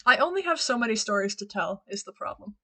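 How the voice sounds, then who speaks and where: Chatty lady streamer rambling to chat mid-game, kinda high voice, giggles a lot. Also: lively intonation, fast talker, sharp tone. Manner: chatty, rambling, laughs often. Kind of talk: casual chat while gaming.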